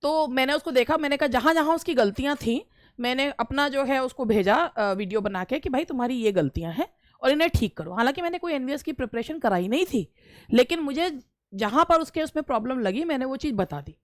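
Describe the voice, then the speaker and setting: High-voiced woman teacher, conversational. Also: animated, brisk, dry recording. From India. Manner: conversational, repeats phrases, frequent hesitations. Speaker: English teacher giving interview tips. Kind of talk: casual instructional talk.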